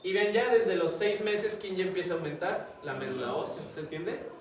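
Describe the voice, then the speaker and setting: A man's voice: high voice, expressive, normal speed. A man giving a classroom lecture, chatty and always asking the students questions. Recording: echoey classroom, mic far off, noisy.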